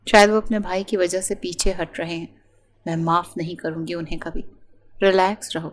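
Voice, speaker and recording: A woman's voice: on the low side, level tone, natural voice. Woman voicing a loyal, reassuring young friend.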